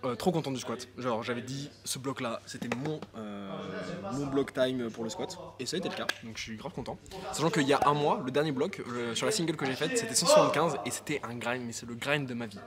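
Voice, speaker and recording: A man talks through a post-workout vlog in a hoarse, nearly spent voice of ordinary pitch. He rambles casually with plenty of fillers and gym slang. A loud crowd fills the busy indoor gym behind him. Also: expressive, fairly quick. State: hoarse, losing his voice. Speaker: powerlifter filming a training vlog. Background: loud crowd cheering in the gym.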